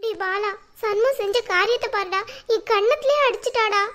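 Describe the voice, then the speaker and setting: A woman voicing a scheming middle-aged mother-in-law in a cartoon, sharp-tongued and prone to dramatic wailing. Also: very high voice, expressive, brisk. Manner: scolding, then wailing dramatically. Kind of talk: cartoon dubbing.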